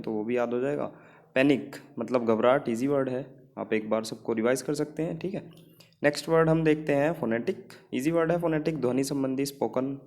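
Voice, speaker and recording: A man of average pitch teaches vocabulary for exam students, speaking in Hindi sprinkled with English words. He walks through each word with a memory trick and keeps checking in with the class. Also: a little mellow. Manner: explains in Hindi mixed with English words, often saying "ठीक है".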